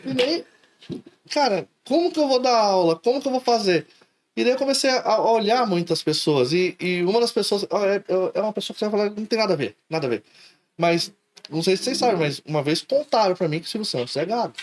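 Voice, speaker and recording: Brazilian guy from são paulo, tells stories all animated, does his old catchphrases. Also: high-pitched, fast talker, slight background noise. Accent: Brazilian Portuguese, São Paulo. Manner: animated storyteller, acts out his own catchphrases. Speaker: podcast guest, logistics professional. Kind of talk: casual podcast chat.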